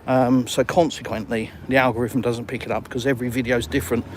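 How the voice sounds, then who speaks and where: A middle-aged Englishman with an English accent talks casually into his phone while strolling outdoors after dark. He reads out viewer comments and answers them. Faint traffic hum sits behind his voice. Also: mid-range voice, flat delivery, quick pace. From England. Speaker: vlogger. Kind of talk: live walk-and-talk stream. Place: city streets at night, outdoors. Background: faint traffic noise.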